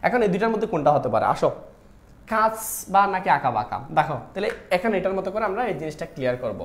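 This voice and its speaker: A man's voice: high voice, sing-song, very fast. A man teaching a live online class, talking straight to the students and answering his own questions. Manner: talks to students directly, repeats "dekho" often; asks questions and answers them himself. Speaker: online Bangla admission-test teacher. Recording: echoey room.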